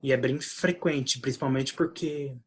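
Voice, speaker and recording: Brazilian guy teaching math on a laggy video call, husky voice, audio keeps freezing and cutting out. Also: mid-range voice. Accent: Brazilian Portuguese. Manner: relaxed, explains slowly, often says "daí". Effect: choppy, cutting-out video call audio. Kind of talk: online class explanation.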